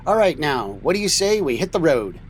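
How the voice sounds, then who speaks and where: His voice sits on the high side with big pitch swings and a brisk pace, plus a little hiss or hum. The man is the host of a semi-scripted radio-serial roleplay, voicing an enthusiastic, upbeat and easygoing trucker captain in a space-cadet style.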